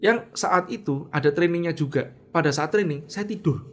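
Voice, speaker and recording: A middle-aged man with a somewhat high-pitched voice tells a personal story in a monologue. He acts out his past outbursts with sudden raised shouts, then sinks into a hushed, self-questioning tone as he reflects. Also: normal speed. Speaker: speaker sharing leadership lessons.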